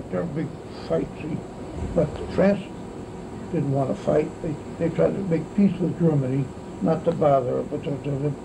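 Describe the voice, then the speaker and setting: A very elderly American grandfather, roughly 90 or more, shares casual oral-history memories of his wartime childhood in an aged, creaky, slightly high voice. His talk is halting and rambling, peppered with "see," and a steady insect-like hum runs through the noisy recording.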